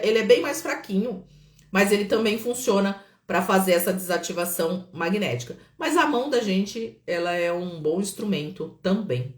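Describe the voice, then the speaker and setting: Brazilian woman guiding a roomy session. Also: mid-range voice. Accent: Brazilian Portuguese. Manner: calm, checks in often with "tá?". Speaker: therapist. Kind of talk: guided live healing session. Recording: roomy echo.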